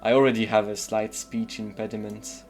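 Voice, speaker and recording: A streamer with a French accent, from the southern suburbs of Paris, casually talks through his gameplay, thinking aloud and using many hesitant fillers. His voice is lowish and level, at normal speed, with music in the background.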